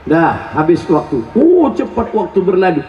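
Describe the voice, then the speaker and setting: A man preaching a joking, animated sermon to a crowd, shouting questions at his listeners. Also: high voice, moderate pace, a little hiss or hum. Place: large event hall. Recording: echoey, dull lo-fi sound.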